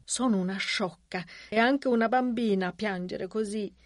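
A man voicing a meek, tearful middle-aged Swedish woman in an audiobook, soft-spoken and plaintive. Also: high voice, normal speed, no echo, studio quality, pitched above the performer's own voice, natural voice.

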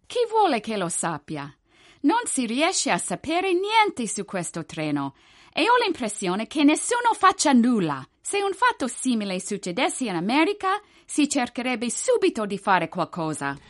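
A man reading an audiobook, voicing a loud, complaining older American woman in a shrill, drawn-out lament. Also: huge pitch swings, exaggerated voice. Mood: indignant whining. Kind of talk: audiobook character voice.

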